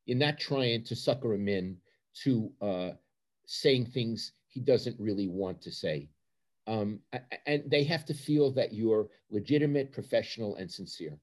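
A man's voice: on the low side, lively intonation, measured pace. An older man with a Brooklyn accent answering interview questions as a sports journalist, with emphatic repetition and short punchy phrases.

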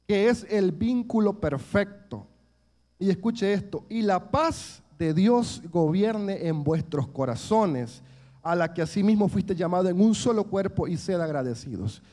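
A man's voice: high voice, dark tone. A man, preaching a sermon and telling stories from his childhood in an earnest way, often calling his listeners brothers.

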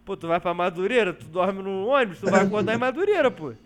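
A man's voice: high-pitched, quick pace. A man with a Rio de Janeiro accent, telling a story to friends in casual, slangy chat. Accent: Rio de Janeiro Portuguese. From Rio de Janeiro, Brazil. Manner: animated, slangy, laughs through his story. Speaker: podcast co-host.

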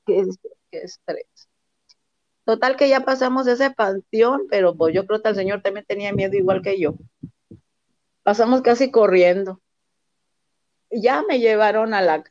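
A woman's voice: medium pitch, dry recording. Northern Mexican woman reminiscing, muffled recording. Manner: animated retelling, acts out remembered dialogue; colloquial, rambling. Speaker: storyteller recalling own childhood. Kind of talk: casual oral life-story narration.

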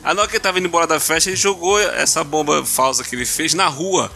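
A man's voice: on the high side, racing, vocal fry, pushed and bright, soft background music. A man co-hosting a casual podcast, telling anecdotes and laughing through them. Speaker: podcast co-host. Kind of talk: casual chat.

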